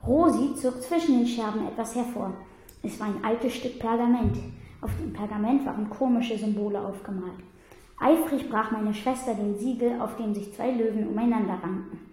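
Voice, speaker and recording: A woman reading a first-person children's story aloud in a steady, plain voice. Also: fairly high pitch, moderate pace. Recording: very echoey room.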